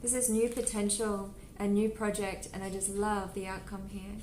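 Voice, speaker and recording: A woman's voice: mid-range voice, level tone, moderate pace, a little mellow, slight background noise. Giggly woman doing a chatty tarot reading. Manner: chatty, giggly, many "like" fillers. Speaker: tarot reader. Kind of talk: casual tarot reading to camera. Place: home room with birds nearby. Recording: roomy echo with faint background ambience.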